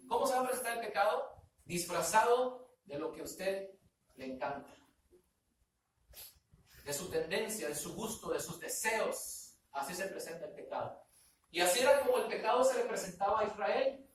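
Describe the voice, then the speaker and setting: A man's voice: high-pitched, expressive, fairly quick. A male pastor, preaching a sermon in a church, emphatic, often asking the congregation questions and repeating words for stress. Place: church sanctuary. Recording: echoey hall, picked up from far off.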